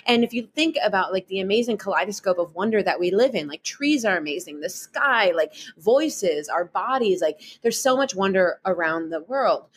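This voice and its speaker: A woman's voice: on the low side, a bit bright, breathy edge. Upbeat Midwestern woman, chatty guest. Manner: upbeat, chatty, frequent "like", laughs often. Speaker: guest author and meditation guide. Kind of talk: podcast interview.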